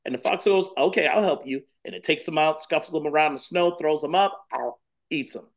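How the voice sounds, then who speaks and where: A man's voice: a little high, a little fast, creaky. A man in his thirties talks casually as a dance coach on a podcast. He tells his stories with plenty of energy. He keeps repeating key phrases to drive them home. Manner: animated storyteller, repeats phrases for emphasis. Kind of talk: casual interview chat.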